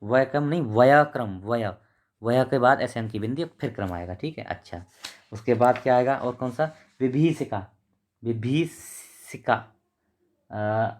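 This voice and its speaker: A man teaching an exam-prep lesson, reading each option aloud, correcting the spelling and trailing off quietly as he closes each answer. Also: mid-range voice.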